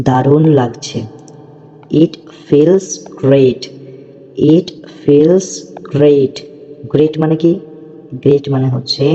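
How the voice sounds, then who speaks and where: A man teaching English phrases in a slow, patient lesson, repeating words and checking that his students follow. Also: mid-range voice, dark tone. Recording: dull lo-fi audio with long reverb.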